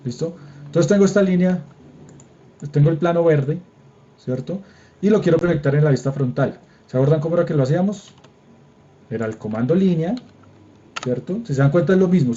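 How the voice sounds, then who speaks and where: A young Colombian man with a fairly high, mellow voice teaches an online engineering drawing class with a screen demo, informal and patient, often checking that his students are following. He speaks into a computer mic on a video call, and the audio sounds slightly dull.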